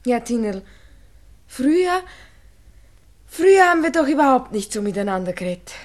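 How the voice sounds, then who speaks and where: In a 1960s German radio drama, an actress voices a worldly-wise, bossy young Viennese shop girl who is chatty and teasing. Her voice sits on the high side with a sing-song lilt at a normal speed, and her mood is scornful as she lectures.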